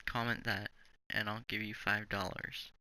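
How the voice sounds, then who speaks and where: A young man co-hosting a podcast, joking and teasing in casual chat, with a gravelly voice. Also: on the low side, flat delivery, moderate pace, sharp tone, no room sound, poor audio. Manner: jokey, teasing, giggly. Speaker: podcast co-host.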